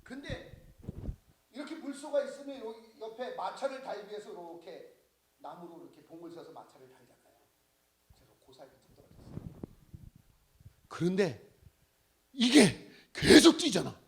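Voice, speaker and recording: A man in his sixties preaches as a missionary, spinning personal stories with exclaiming, animated delivery. His voice sits high and swoops widely in pitch. It has a gravelly, husky grain. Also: moderate pace, long pauses, noisy background. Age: 60s. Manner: animated storytelling, exclaiming and laughing often.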